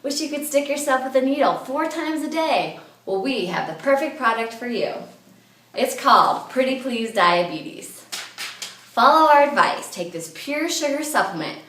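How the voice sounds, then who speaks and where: Woman announcer, mock commercial, upbeat sales pitch, slightly high voice, roomy echo, off-mic. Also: lively intonation, unhurried, a bit bright. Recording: echoey, from a distance.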